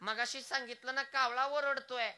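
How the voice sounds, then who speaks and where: A male preacher acting out a grown son losing patience with his father. His retorts are exasperated and clipped. The voice rings bright and cutting. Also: extremely high pitch, fairly even intonation, normal speed, clear, resonant tone, pitched above the performer's own voice, heavily acted. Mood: irritated. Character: irritated grown son, about forty, impatient.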